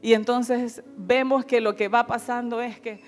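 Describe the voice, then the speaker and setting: Woman pastor preaching earnestly over soft music. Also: a little high, fairly even intonation, a little slow. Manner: earnest preaching, often addressing listeners as "amados". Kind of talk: sermon.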